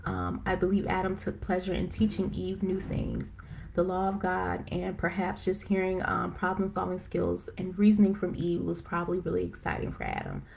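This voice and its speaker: A woman hosting a live stream, chatting casually and excitedly with lots of fillers, rambling as she goes. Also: fairly low pitch, creaky, a little hiss or hum. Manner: excited, self-described as talking fast. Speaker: host of a live video chat. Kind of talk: casual faith-based chat. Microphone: phone or computer for a live stream.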